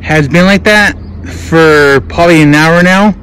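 A man vlogging outdoors on his phone at work, out of breath from loading hay, talking in a loose, excited way and swearing casually. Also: on the high side, a little slow, slight background noise, rough recording. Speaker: vlogger filming the sky.

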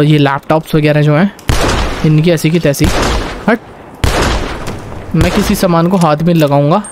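A young man with a high-pitched voice narrates a video game for his viewers, excitable and chatty. He switches between Hindi and English words as the action goes on. A faint background hiss sits under the recording. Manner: excitable, talks to viewers, barks orders in role. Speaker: gameplay commentator.

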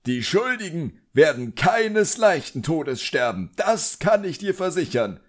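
A male narrator voices a pompous, irate middle-aged wizard bureaucrat for an audiobook, barking contempt with raised pitch. His delivery is sing-song and measured, pompous and threatening.

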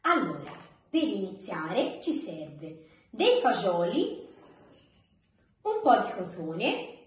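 A young woman reading a fairy tale aloud to children with an expressive, husky voice that drops to whispers. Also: mid-range voice, takes it slowly. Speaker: children's storyteller.

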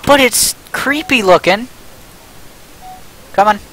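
A young man livestreaming a game with a friend, excitable and jokey, reading prompts aloud as he plays. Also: very high voice, takes it slowly, poor audio. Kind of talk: casual gaming chat.

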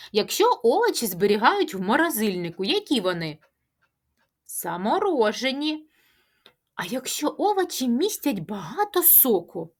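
Sing-song woman teaching small children. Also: on the high side. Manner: sing-song, drawn-out tongue-twister chanting; asks questions and answers them herself. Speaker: kindergarten teacher. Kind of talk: preschool speech lesson.

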